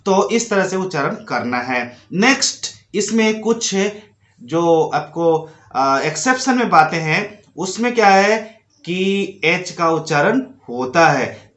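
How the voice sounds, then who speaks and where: A man's voice: high-pitched, fairly bright tone, reverberant. A man teaching an English pronunciation lesson, explaining step by step and asking his students direct questions.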